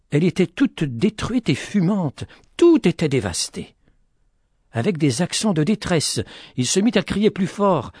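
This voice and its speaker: Slow, animated male storyteller, husky. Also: a little high, no echo, studio quality. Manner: dramatic, animated reading. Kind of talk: expressive storybook narration.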